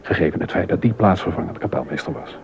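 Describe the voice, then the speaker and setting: A low-voiced man talks fast, with vocal fry and a slightly mellow quality. He's an actor in a Dutch docudrama playing a proud, aggrieved German baroque composer and court organist, airing his grievances with indignant, wry humor. The recording sounds dull and carries background noise.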